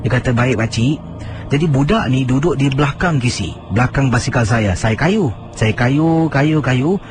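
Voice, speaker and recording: Man telling horror tales over music. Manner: dramatic storyteller, slows and drops low for suspense. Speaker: radio host reading listener stories. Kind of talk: late-night radio horror storytelling. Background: music bed.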